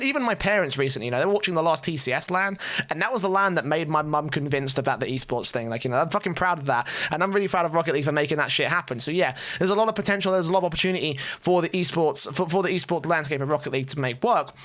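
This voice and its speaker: A man's voice: fairly high pitch, fairly bright tone. A man in his twenties or thirties co-hosting a casual esports podcast, swearing freely and talking with enthusiasm. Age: 20s or 30s. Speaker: podcast co-host.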